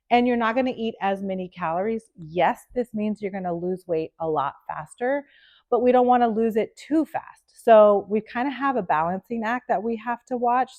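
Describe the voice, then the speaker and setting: With dull audio, a woman nutritionist in a mid-range voice vlogs directly to the camera about health. She's cheerful and talkative, her nose stuffed from a cold, frequently asking "okay?".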